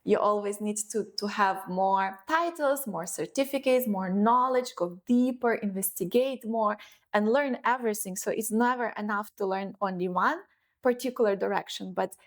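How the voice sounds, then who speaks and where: Woman with a gravelly voice. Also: mid-range voice, normal speed. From Ukraine. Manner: earnest storytelling with frequent "right?" tag questions. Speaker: psychologist, app founder. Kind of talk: interview guest.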